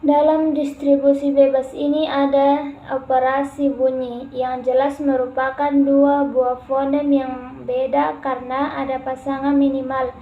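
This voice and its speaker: Young female student, high and even, reading notes in an echoey room. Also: unhurried, narrow, tinny audio. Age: young adult. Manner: reads material steadily, spelling out example words. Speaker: student presenter. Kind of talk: class presentation on phonology. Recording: echoey room with faint hiss.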